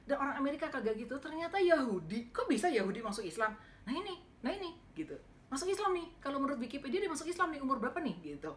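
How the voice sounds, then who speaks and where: A middle-aged woman lecturer, telling a story to her students in a casual, animated way and acting out the dialogue with sudden pitch jumps. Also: racing, slight background noise. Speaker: university lecturer.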